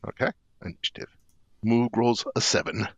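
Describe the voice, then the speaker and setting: A man's voice: medium pitch, normal speed, no echo. A man playing a tabletop game, casually narrating his moves.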